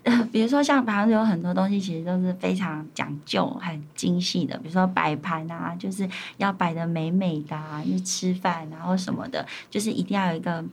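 A woman's voice: lowish voice, fairly quick, vocal fry, few pauses. Chatty woman teacher giving interview answers. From Taiwan, Paiwan community. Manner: chatty, acts out little quoted exchanges. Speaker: elementary school teacher and administrator.

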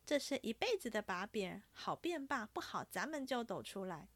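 A woman voicing a clever young maidservant who teases and playfully scolds in a lively, rather high voice. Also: normal speed, no echo. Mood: teasing.

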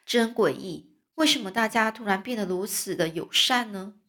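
A woman's voice: medium pitch, moderate pace, fairly bright tone. Woman reading a story aloud to kids. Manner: explains words to young listeners, chatty asides. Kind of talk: reading a children's novel aloud.

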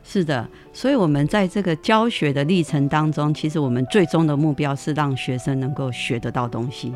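Higher-voiced male interview host. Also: a little fast, darkish tone, faint music behind. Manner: frequent affirming back-channels. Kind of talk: interview hosting.

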